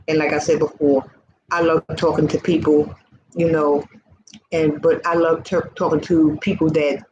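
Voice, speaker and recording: On the low side and darkish in tone, this woman in her early sixties preaches fervent, repetitive faith encouragement in an informal vlog. Lo-fi sound and a noisy background hiss mark the recording.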